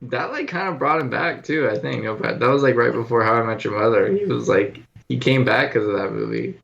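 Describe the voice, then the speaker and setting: A man's voice: mid-range voice, a little fast, creaky, fairly bright tone, lo-fi sound. A young man co-hosting a casual podcast chat, easygoing and agreeable, who trails off into fillers. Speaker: podcast co-host.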